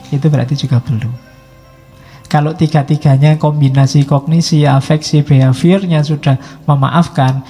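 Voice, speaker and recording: A man's voice: medium pitch, mellow, big-room sound. Guy teaching philosophy at a mosque, chatty, does little voices for examples, faint music under it. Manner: conversational, acts out quarrels in quoted voices. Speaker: philosophy lecturer. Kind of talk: casual lecture at a mosque study session. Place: mosque hall.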